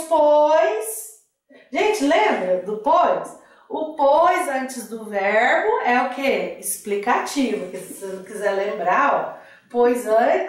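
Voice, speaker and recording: A woman teaching a Portuguese grammar lesson for exam preparation, who poses questions to her students and then answers them herself. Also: high voice. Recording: very echoey room, voice distant from the mic.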